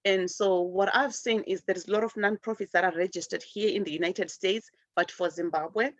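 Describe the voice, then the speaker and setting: A woman leading a spiritual group call, speaking earnestly and haltingly with repeated words. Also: medium pitch, steady tone, no room sound. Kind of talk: encouraging group talk. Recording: dull lo-fi call audio.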